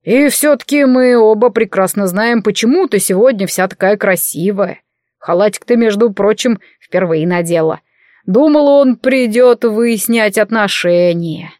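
A woman's voice: medium pitch, measured pace, a little mellow, dry recording, clean studio sound, natural voice. Woman doing a nagging little cabinet familiar. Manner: nagging, cheeky, fussing. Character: meddling male familiar, a little walking cabinet.

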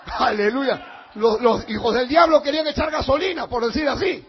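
A man preaching a fiery sermon as pastor, shouting his points with emphatic force. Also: very high-pitched, moderate pace, slightly rough, dull audio, a faint crowd.

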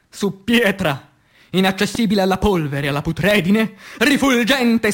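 In a very high voice, a stage actor declaims as an anguished, passionate revolutionary poet in a radio theatre piece, his mood exalted and visionary. He uses dramatic pauses and shifts between hushed and loud passages.

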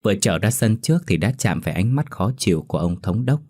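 A male storyteller narrates a drama in a steady, measured manner. His voice sits very low. The reading is scripted and paced evenly. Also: no room sound, clean studio sound.

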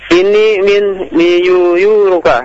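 A man calls in over a crackly phone line that cuts in and out, his slightly high voice dulled and muffled. He reads slowly and haltingly, stopping often on "ah" as he works through each phrase. A faint hiss sits under the call. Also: steady tone, darkish tone. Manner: halting and hesitant, many "ah" fillers. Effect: crackly phone line that breaks up. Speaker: caller. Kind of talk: student reading an Arabic dialogue aloud on a call-in. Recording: dull, noisy phone line.

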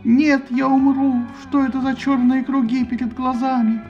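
A man's voice: level tone, moderate pace, darkish tone, highs cut off, faint music behind. A man voicing a vain, hysterical goddess who wails and shrieks in exaggerated agony. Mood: wailing hysterical. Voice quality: shrill, wailing. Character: hysterical wailing goddess, woman, vain and dramatic.

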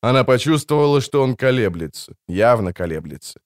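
A man narrating an audiobook in a calm, even way. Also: mid-range voice, brisk, no room sound, studio quality.

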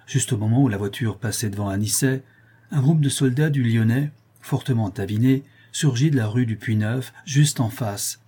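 Male audiobook narrator, measured historical storytelling, dark and husky. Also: medium pitch. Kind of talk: scripted historical novel narration.

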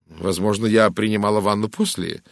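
A man's voice: lowish voice, steady tone, normal speed, vocal fry, dry recording, studio quality. A man voicing a hesitant, puzzled young wife. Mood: recalling.

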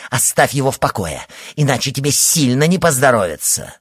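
A man voicing a jealous, furious teenage girl who hisses and shouts threats in an audiobook. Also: very animated, measured pace, breathy edge, dry recording, clean studio sound, exaggerated voice. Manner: hissing, shrill shouting. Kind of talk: audiobook character reading.

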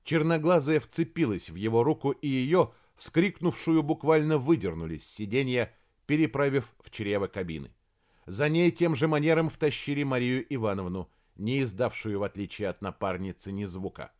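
A man's voice: medium pitch, animated, moderate pace, darkish tone. A man narrating an adventure audiobook in a dramatic reading. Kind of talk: scripted narration.

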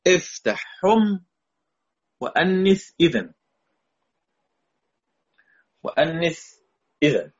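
A man's voice: on the high side, sing-song, takes it slowly, husky, dull audio. A man with an Egyptian accent teaching a recorded lesson on Quranic readings, patiently repeating key words and quizzing his students. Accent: Egyptian Arabic.

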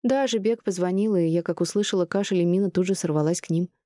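A woman's voice: lowish voice, fast talker, warm tone, no echo, studio quality, lightly acted. A woman voicing a grandmother in her forties who speaks earnestly and apologetically, rattling on when flustered.

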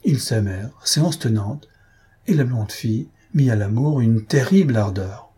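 Dark, husky male audiobook reader. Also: mid-range voice, expressive, normal speed. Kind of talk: literary audiobook narration.

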